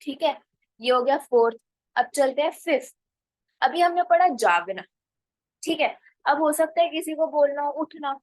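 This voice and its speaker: A woman teaching a spoken English class, explaining step by step and repeating phrases slowly. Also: high voice, animated, no echo, rough recording. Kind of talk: spoken English lesson in Hindi.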